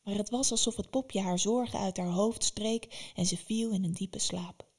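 A woman's voice: medium pitch, normal speed, breathy edge. Woman reading a fairy tale aloud. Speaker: storyteller. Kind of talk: storybook narration.

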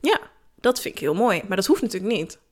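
A woman's voice: medium pitch, very animated, brisk, a little mellow. Chatty young woman podcast co-host. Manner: chatty, laughs often, mixes in English phrases. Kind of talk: casual chat.

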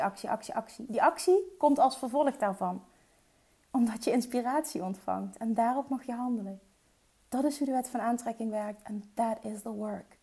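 Woman motivational coach, earnest and encouraging, warm mellow voice, English phrases in her speech. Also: fairly high pitch. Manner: earnest and coaching, drops into soft whispers. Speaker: entrepreneur and mindset coach. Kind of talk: motivational talk.

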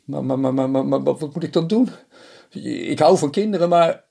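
A man voicing a young male fiddler who gets excitable and jumps high in pitch. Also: normal speed, breathy edge. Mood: panicked. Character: young male fiddler, cheerful and easily alarmed.

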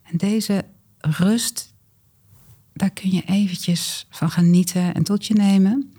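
A woman with a soft, breathy voice calmly giving unhurried instructions for breathing exercises, as a guest breathwork coach. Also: medium pitch.

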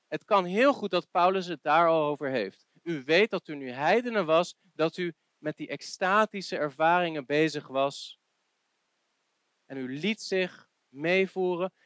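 A man preaching a sermon, telling a Bible story in a lively way and rising to emphatic peaks. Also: a little high, no room sound.

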